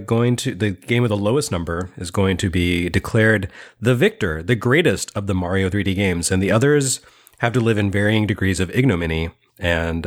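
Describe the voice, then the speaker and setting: A man hosting a podcast in casual chat, talkative and self-mocking, often laughing. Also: on the low side. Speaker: podcast host.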